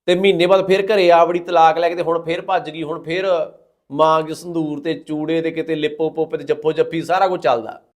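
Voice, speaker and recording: A man tells a story with dramatic, moralizing scorn. His voice sits fairly high for a man. He acts out the words of the people in the story as he goes. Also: fairly even intonation, a little fast. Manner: moralizing, scornful, quotes others in their voices.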